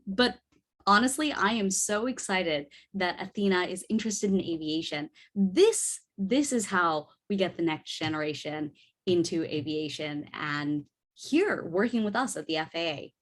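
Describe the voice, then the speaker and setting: A woman's voice: lowish voice, unhurried, a bit bright. A woman emceeing a talent show in a cheerful, upbeat way and introducing the next act. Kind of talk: event hosting.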